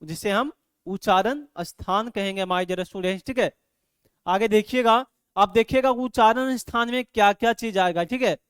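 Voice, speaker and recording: A man teaching an online grammar lesson, asking his students questions over and over and loudly sounding out syllables for them to repeat. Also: high voice, unhurried, clean tone, no room sound, studio quality. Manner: repeats "ठीक है" and quizzes students constantly; drills syllables aloud, louder on examples. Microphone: microphone.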